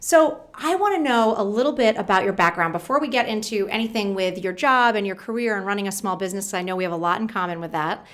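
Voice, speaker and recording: Quick-talking woman podcast host. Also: medium pitch, a bit bright. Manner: quick, upbeat and chatty. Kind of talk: conversational interview.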